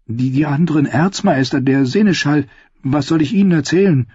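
A man's voice: on the high side, normal speed, warm tone, husky, no echo, pitched above the performer's own voice. A man voicing a nervous young man who stammers anxiously. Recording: dull, dry lo-fi recording.

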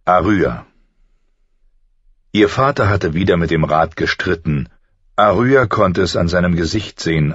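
Very low husky male narrator. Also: no room sound. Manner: calm, even storytelling. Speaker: audiobook narrator. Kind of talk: scripted audiobook narration. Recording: slightly muffled dry recording.

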